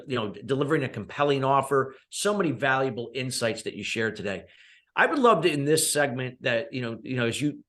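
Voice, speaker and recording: A man's voice: mid-range voice, a bit bright. A man hosting an interview podcast, asking long rambling questions padded with many fillers. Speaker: podcast host. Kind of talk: casual interview and ad read.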